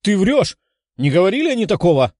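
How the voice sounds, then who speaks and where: Sly haughty young noblewoman, lifted pitch from a male reader, lively swings, dry close sound. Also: normal speed, no echo. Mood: indignant. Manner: sly, indignant.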